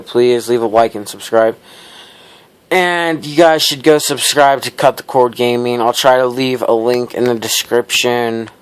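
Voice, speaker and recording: A man's voice: mid-range voice, clear, resonant tone. A teenage boy vlogging, telling a school story in a casual, rambling way full of "like". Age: teens. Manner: rambling, heavy use of "like"; laid-back, wry.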